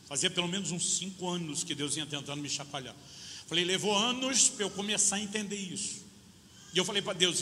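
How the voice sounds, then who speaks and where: A Brazilian man in his fifties preaches a sermon with a Brazilian Portuguese accent, his voice high and bright. He tells the story as a preacher does, acting out each side of a conversation and slowing down on the key words. The sound is a long, reverberant hall with a faint hiss behind it. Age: 50s. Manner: storytelling preacher acting out both sides of a dialogue. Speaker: pastor.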